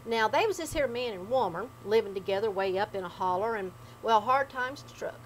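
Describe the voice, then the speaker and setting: A woman's voice: mid-range voice, expressive, fairly quick, poor audio. Woman, Appalachian accent, dramatic dialect storytelling, folksy, faint background noise. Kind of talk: oral folk storytelling in dialect.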